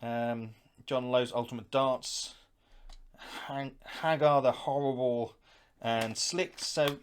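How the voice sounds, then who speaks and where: A middle-aged man hosts a retro gaming unboxing channel, offering casual, unscripted commentary. His medium-pitched voice is steady and smooth, and he speaks slowly. He muses aloud, thinking things through as he handles the items.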